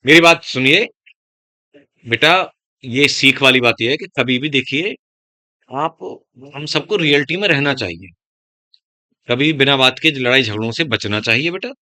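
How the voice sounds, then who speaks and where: A man's voice: medium pitch, sharp tone, no room sound, clean studio sound. A man teaching biology to students in a classroom, giving life advice with a heavy, stern-sounding voice. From Uttar Pradesh, India. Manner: speaks of his own heavy, stern-sounding voice; addresses students as beta, digresses into life advice. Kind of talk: classroom lecture.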